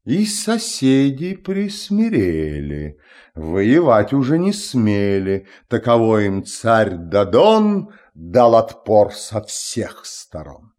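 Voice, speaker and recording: A man reciting a verse fairy tale in a slow, sing-song manner. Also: fairly low pitch, big pitch swings, darkish tone.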